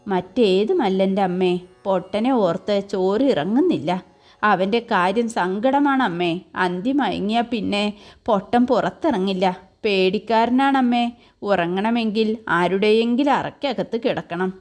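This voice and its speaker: A woman voicing a crafty male servant in a spoken storybook, plaintive and whining, pitched a touch high. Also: unhurried, soft background music. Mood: pleading. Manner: pleading, plaintive. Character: sly middle-aged male servant feigning tearful grief.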